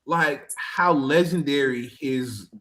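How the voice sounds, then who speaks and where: A man's voice: medium pitch, slow pace, pushed and bright. A man co-hosting a TV recap podcast in casual chat, enthusiastic and repeating words for emphasis. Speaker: podcast co-host.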